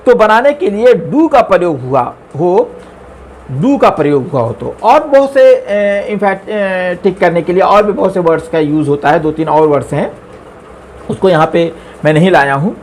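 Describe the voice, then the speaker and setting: A man teaching English grammar, explaining slowly and reading the English examples out word by word. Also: sits high, expressive, a little hiss or hum. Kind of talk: explaining a grammar lesson on screen.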